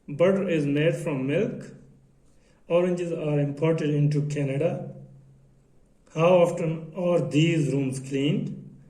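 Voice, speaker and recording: A man teaching an English grammar lesson in a halting way, often repeating phrases and reading out example sentences. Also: on the high side, warm tone. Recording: echoey room.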